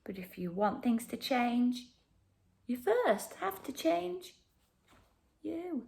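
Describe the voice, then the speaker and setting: A woman narrating a children's picture book expressively, with dramatic pauses and hushed emphasis. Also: on the high side, sing-song, gravelly. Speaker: storyteller.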